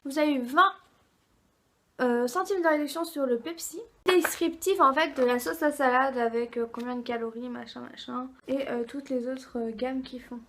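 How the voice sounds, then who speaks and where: A woman's voice: high voice, normal speed, a bit bright. A woman vlogger chatting casually through a box unboxing, reading product labels aloud with many fillers.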